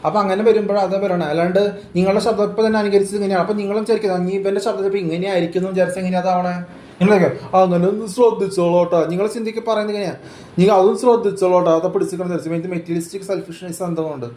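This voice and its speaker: Rambling man, quick and high-pitched, casual talk, echoey room with faint hiss. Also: warm tone. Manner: rambling, repetitive, hesitant restarts. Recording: roomy echo with faint ambient noise.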